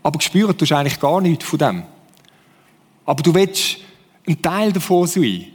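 A man's voice: on the high side, very animated, moderate pace, breathy edge, in a large hall. A man with a Swiss German accent preaching a sermon, who acts out fake enthusiasm in playful voices. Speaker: pastor.

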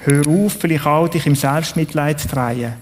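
A man with a Swiss German accent preaching a sermon in an earnest, conversational way, often checking in with a quick tag question. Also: a little high, a little hiss or hum.

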